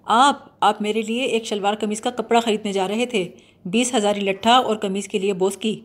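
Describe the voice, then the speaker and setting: A woman's voice: mid-range voice, fairly even intonation, natural voice. A woman reading the part of a long-suffering male household servant who speaks deferentially and matter-of-factly.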